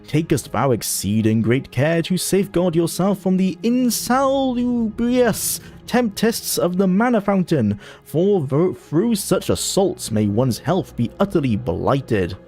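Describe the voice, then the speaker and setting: A man's voice: high-pitched, big pitch swings, unhurried, few pauses, dark tone, faint music behind, pitched above the performer's own voice. A man reading archaic game text in the voice of a pompous old male scholar, grandiose and stumbling over words.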